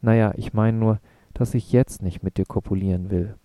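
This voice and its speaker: Frank young woman on a hike, read by a man, direct talk, flat delivery, dark mellow tone, audiobook. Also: lowish voice, moderate pace, dry recording, lightly acted. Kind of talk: audiobook reading.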